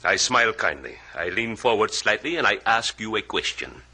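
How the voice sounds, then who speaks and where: Cuban police inspector, Cuban Spanish accent, deep voice, overly polite, precise, 1950s radio play. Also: male voice, sing-song, normal speed, pushed and bright, husky, exaggerated voice. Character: formal Cuban police inspector, smooth and guarded. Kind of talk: 1950s radio drama acting.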